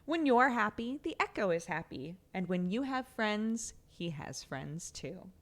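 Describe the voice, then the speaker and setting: A kindly old male beaver from a children's storybook, as voiced by a woman reading aloud. He explains things gently and patiently at a slow, unhurried pace. His pitch rises and falls in a lively, storytelling way.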